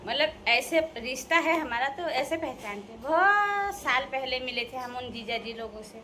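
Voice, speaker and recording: A woman's voice: sits high, bright, forceful tone, a little hiss or hum. A young woman from the Uttarakhand hills, chatting casually and teasing in a playful vlog, laughing often. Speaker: vlogger addressing viewers.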